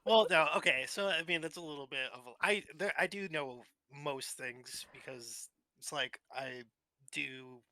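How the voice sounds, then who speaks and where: A man, a metal bassist, chatting casually in an interview, rambling with lots of fillers and laughing often. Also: unhurried, pushed and bright.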